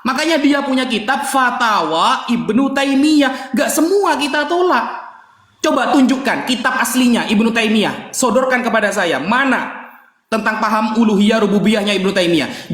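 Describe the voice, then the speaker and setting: A man's voice: extremely high pitch, big pitch swings, moderate pace, fairly bright tone, reverberant. A man in a debate who presses his opponent with questions and challenges.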